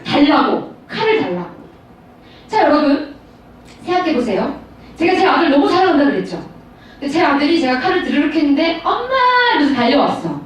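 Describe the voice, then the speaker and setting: A woman pastor in her thirties giving a storytelling sermon to high school students, speaking directly to her listeners. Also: fairly quick, long pauses. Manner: storytelling, animated, addresses audience directly. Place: large school hall. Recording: echoey hall, mic far off, faint noise.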